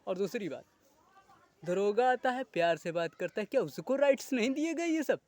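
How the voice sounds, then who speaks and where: Male vlogger, high voice, heated indignant rant with crude language and rhetorical questions. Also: animated, moderate pace, darkish tone. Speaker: video creator. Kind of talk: ranting monologue to camera.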